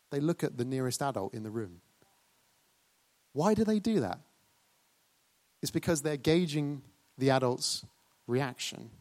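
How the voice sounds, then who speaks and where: A man's voice: medium pitch, a little mellow. A man preaching a sermon, questioning and urging the congregation.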